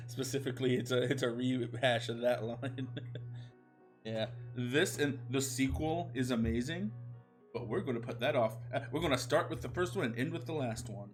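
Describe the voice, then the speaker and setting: On a livestream with faint music behind him, a man reads a comic fan fiction story aloud and chats with viewers in a loose, irreverent, sweary way. His voice is medium in pitch and his pace is moderate.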